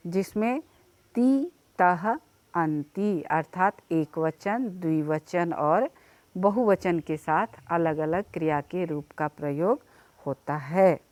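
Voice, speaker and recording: A woman's voice: fairly low pitch, a little mellow, no room sound. A woman teacher giving a children's Sanskrit lesson, repeating words and their meanings one by one for the class to copy. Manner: slow repeated word-by-word pronunciation drills.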